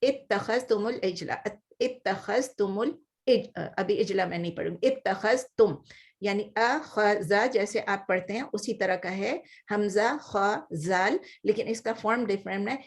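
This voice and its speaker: A woman with an Urdu accent, teaching a word-by-word Quran lesson. She explains patiently, mixes in English terms and stretches the Arabic words slowly. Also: mid-range voice.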